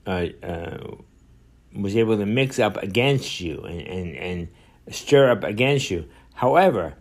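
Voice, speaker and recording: An older man in his seventies talks alone into his podcast mic. His voice sits a little low, and he rambles through his points with frequent "uh"s and restarts. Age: 70s. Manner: rambling, many fillers and restarts. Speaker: podcast host. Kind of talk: solo podcast monologue.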